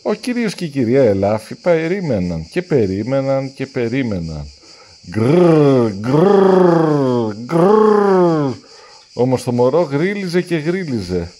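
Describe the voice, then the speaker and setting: Lively man reading a children's story. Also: mid-range voice, hardly any pauses. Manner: lively, acts out the characters' lines. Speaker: storybook reader. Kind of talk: children's story read-aloud.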